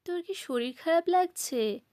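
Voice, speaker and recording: Woman reading hot-tempered young man, stern, commanding, storybook, high voice. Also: animated, a little slow, mellow.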